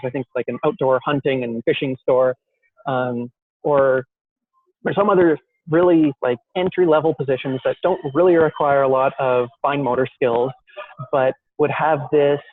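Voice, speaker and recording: A man's voice: fairly high pitch, dry recording. A young man in an interview, telling his story in a rambling, self-deprecating way with many fillers and restarts. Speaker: guest entrepreneur. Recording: dry, tinny phone-like call audio.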